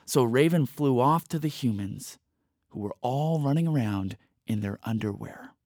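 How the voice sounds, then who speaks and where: A man narrating a storybook tale with a playful, expressive reading. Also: medium pitch, normal speed, no echo, clean studio sound.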